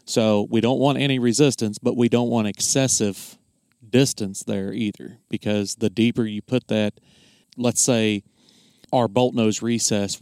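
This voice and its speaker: Low, smooth-voiced man explaining things plainly. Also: darkish tone, no echo, studio quality. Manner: plainspoken, folksy, halting with repeated words. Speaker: gunsmith explaining his craft. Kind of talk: casual technical explanation.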